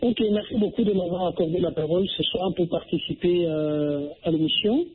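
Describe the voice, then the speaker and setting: Husky Congolese man calling in by phone. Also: sits high, a little fast. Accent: Congolese French. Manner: hesitant, many fillers and repeated words. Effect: phone line. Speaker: radio phone-in caller. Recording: tinny phone line.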